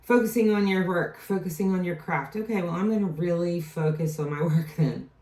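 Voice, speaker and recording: A woman's voice: fairly low pitch, brisk, darkish tone. Rambling woman reading tarot, echoey room. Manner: rambling, trails off and restarts mid-thought. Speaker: tarot reader. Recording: echoey room, distant mic.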